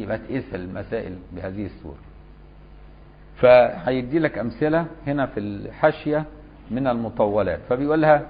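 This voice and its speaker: Male Egyptian teacher, middle pitch, reads the text then explains it plainly and checks in with listeners; dull lo-fi lesson recording. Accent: Egyptian Arabic. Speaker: Islamic scholar teaching a fiqh lesson.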